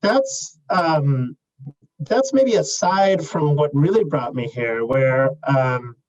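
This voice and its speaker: A young adult man from Chile, a startup CEO answering interview questions in a measured way, with many fillers and restarts. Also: fairly high pitch, lively intonation, muffled recording.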